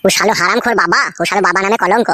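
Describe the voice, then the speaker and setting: A woman's voice: medium pitch, very fast, lightly acted. A woman voicing a lazy, cowardly young cartoon son-in-law who talks crudely and sulks. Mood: sulky. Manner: sulky, crude. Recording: clear background noise.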